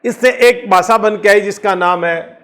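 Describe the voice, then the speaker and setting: High-voiced male teacher lecturing. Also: a bit bright. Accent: Rajasthani. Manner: explains slowly, repeats key points, asks and answers his own questions. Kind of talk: exam-prep lecture.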